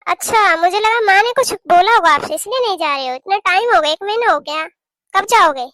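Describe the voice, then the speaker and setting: Woman doing a caring young daughter, cartoon, super high squeaky voice, dry sound. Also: expressive, a little fast, fairly bright tone, no room sound. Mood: earnest. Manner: earnest, pleading. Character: caring young married daughter visiting home. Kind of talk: cartoon voice acting.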